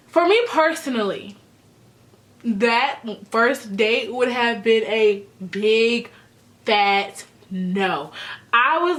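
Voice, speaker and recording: A woman's voice: fairly high pitch, fairly bright tone. A woman giving a casual, chatty and sassy recap of a reality show, using "like" a lot. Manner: chatty and sassy, heavy use of "like". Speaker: recap vlogger.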